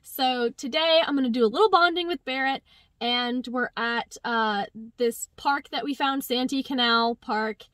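A young woman chatting brightly to the camera from her car, her voice sitting high and sounding close and dry in the small cabin. She talks in an upbeat, easygoing way, filmed at arm's length. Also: a little slow, no echo. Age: young adult. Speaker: vlogger. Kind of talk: casual chat to camera. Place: inside a parked car. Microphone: phone or camera at arm's length.

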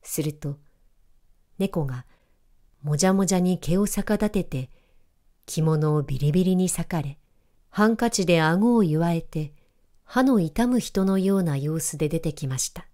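A woman announcer narrating a storybook in a calm, clear, even way. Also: fairly low pitch, unhurried, pauses often.

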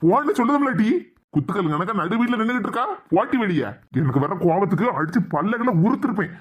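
A performer voicing a gruff, hot-tempered father-in-law in a cartoon, scolding in a Tirunelveli Tamil accent. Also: medium pitch, expressive, fast. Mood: angry. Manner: scolding, shouting orders. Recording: dull lo-fi sound.

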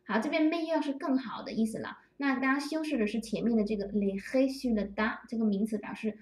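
A woman teaching French grammar to Chinese-speaking learners, patiently explaining and slowly repeating example phrases. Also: fairly high pitch, darkish tone. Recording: roomy echo, distant from the mic.

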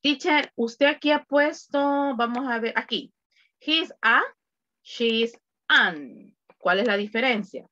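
A woman's voice: on the high side, expressive, slow pace, sharp tone, dull audio. A woman teaching an online English class, switching between English and Spanish to explain grammar and drilling her students with countdowns.

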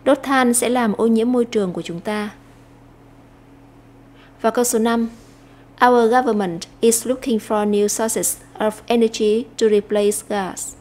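A Vietnamese woman teacher explaining an English lesson, slowing down to read English phrases aloud. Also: fairly high pitch, steady tone, darkish tone.

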